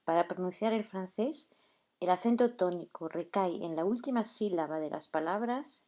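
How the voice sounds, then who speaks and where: A woman calmly explaining points of a pronunciation lesson. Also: on the low side. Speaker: teacher explaining in Spanish.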